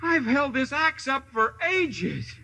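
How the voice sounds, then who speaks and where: A gentle, yearning man of hollow tin, from an old radio play. The voice is extremely high and sharp, with slow, plaintive exclamations. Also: big pitch swings, creaky, full character voice. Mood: relieved. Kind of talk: 1950s radio drama acting. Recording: old 1950 radio broadcast.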